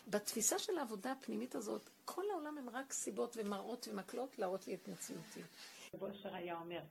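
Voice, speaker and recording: A woman's voice: medium pitch, lively intonation, gravelly, darkish tone. A woman giving a spiritual talk, telling stories of a rabbi and emphatically appealing to her listeners, recorded in an echoey room with noise behind her.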